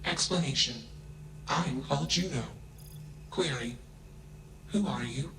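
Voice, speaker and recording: A man voicing an emotionless artificial mind in a video game, speaking in flat, clipped statements that each open with a one-word label. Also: on the high side, unhurried, gravelly. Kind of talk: video game character dialogue. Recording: game audio with steady hum behind.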